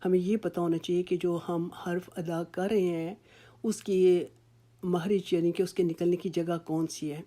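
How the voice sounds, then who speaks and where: A woman teaching Quran recitation rules in a slow, patient lesson, drawing out words as she models them and reassuring her students. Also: fairly low pitch, steady tone, dark tone. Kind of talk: slow instructional tajweed lesson.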